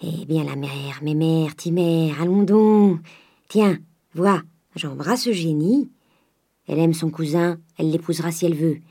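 Woman doing a grumpy old miser guy, lower voice, sweet-talking, kinda husky and dry. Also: fairly even intonation, a little slow, warm tone, dry recording, full character voice. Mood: coaxing, gruff. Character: miserly, gruff old man, coaxing and domineering.

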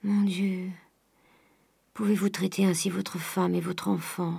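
A woman's voice: lowish voice, flat delivery, a little slow, darkish tone, slightly rough, no echo. A woman voicing a frail, dying older woman who speaks in a weak, faint whisper. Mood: faint, pleading.

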